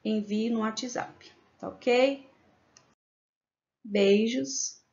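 Brazilian woman teaching children, slow and clear. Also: a little high, a little mellow, dull audio. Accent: Brazilian Portuguese. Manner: reads word lists slowly and clearly, then explains tasks quickly. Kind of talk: recorded remote lesson for young children.

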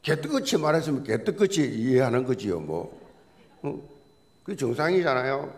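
A man's voice: medium pitch, big pitch swings, moderate pace. A man preaching a Sunday sermon in a church, a pastor with a folksy, joking storytelling manner. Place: church sanctuary.

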